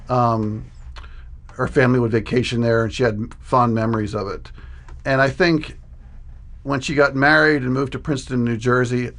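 Casting: male interview guest, 60s, middle pitch, informal storytelling. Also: gravelly, fairly bright tone. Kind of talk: casual conversational recollection.

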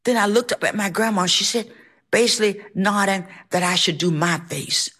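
On stage, a woman tells a personal story live in a theatrical, emphatic, folksy style, acting out what people said. Her mid-range voice is brisk and a bit bright.

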